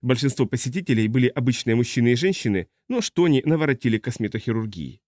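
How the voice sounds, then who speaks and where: A man reading an audiobook as narrator, measured and even. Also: mid-range voice, no echo, clean studio sound. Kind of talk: scripted narration.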